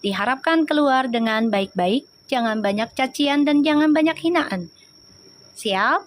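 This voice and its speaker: A woman's voice: sits high, expressive, a little slow. A woman gives a casual live tarot reading, chatty and teasing and often breaking into laughter. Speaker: tarot reader on a live stream.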